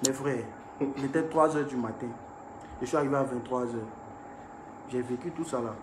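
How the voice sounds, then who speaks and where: A young man telling his viewers about an incident. He talks in an animated way and swings between hushed and raised speech. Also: mid-range voice, moderate pace. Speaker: artist recounting an incident. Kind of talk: storytelling to viewers. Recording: echoey room with faint ambient noise.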